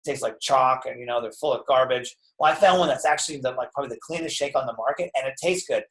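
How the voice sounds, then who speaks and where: A man giving casual, energetic network marketing training on a live stream, chatty and filled with "okay" and "right". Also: medium pitch, fast talker. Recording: echoey room.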